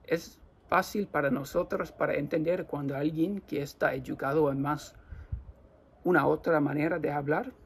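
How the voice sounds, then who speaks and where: Australian man, native English speaker, Australian accent, slightly high voice, slow careful teaching, faint background hum. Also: fairly even intonation, vocal fry. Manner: slow, careful non-native Spanish with repeated examples. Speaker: language teacher. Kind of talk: explaining slang to viewers.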